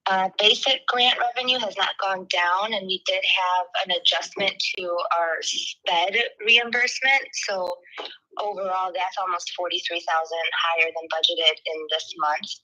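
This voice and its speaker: A woman calls in on a speakerphone to go through a financial report. Her voice is very bright and sharp. She moves through the figures item by item in a steady, businesslike way. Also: on the low side, moderate pace, highs cut off. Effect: heard over a speakerphone.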